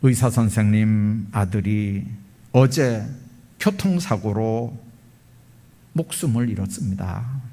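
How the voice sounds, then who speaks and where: Brief: man acting out a grieving woman nurse, quiet and soft-spoken. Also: high-pitched, big pitch swings, a little slow, pitched above the performer's own voice, heavily acted. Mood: tearful. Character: tearful female nurse.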